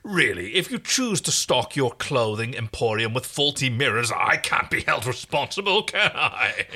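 A man's voice: medium pitch, big pitch swings, normal speed, pushed and bright, heavily acted. A man voicing a pompous, portly male alien royal who is vain and peevish, with haughty theatrical delivery.

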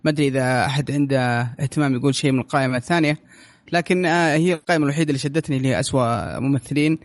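A man's voice: medium pitch, racing. A man with a Gulf Arabic accent hosting a casual film chat, dropping English terms into his Arabic. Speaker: podcast host presenting a list.

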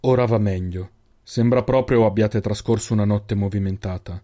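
A man voicing a huge armed leader who speaks slowly and with control. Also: on the low side, dark tone, natural voice. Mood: controlled. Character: huge armed male leader, low and powerful.

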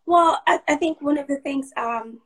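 A woman's voice: high-pitched, normal speed, fairly bright tone, poor audio. A woman from Jamaica, chatting as an interview guest on a livestream and talking with many "um"s and restarts. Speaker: guest, blogger and author. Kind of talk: casual interview chat. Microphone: livestream call.

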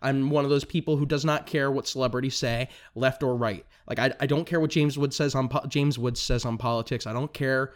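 A young man hosting a political commentary podcast, talking fast and excitably, tripping over his words and restarting sentences. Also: medium pitch. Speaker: podcast host.

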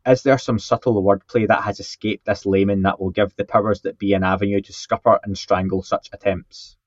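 A podcast co-host with a lowish voice and level tone chats casually and briskly, joking and putting himself down as he reads listener comments, often repeating words as he starts. His faulty podcast mic setup gives a dry, dull, muffled sound.

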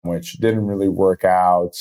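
A young man from Brazil, a startup founder, telling his story in a relaxed interview with many fillers. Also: deep voice, takes it slowly. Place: outdoor event venue.

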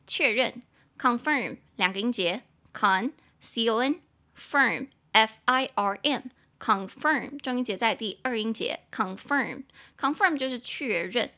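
Lady teaching english words, bright tense voice, lively, spells stuff out. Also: mid-range voice. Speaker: English teacher, podcast host. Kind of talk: podcast English lesson.

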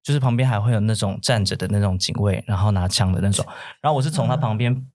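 A man's voice: fairly low pitch, quick pace, dry recording, studio quality. A man, earnestly telling a personal story as a podcast co-host. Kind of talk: casual chat, personal storytelling.

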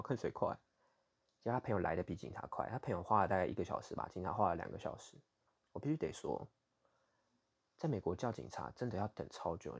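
A man's voice: lowish voice, vocal fry, slightly rough. A man from Taiwan with a Taiwanese Mandarin accent, hosting a podcast and telling stories casually, candid and indignant, swearing bluntly now and then. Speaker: podcast host. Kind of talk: casual storytelling monologue.

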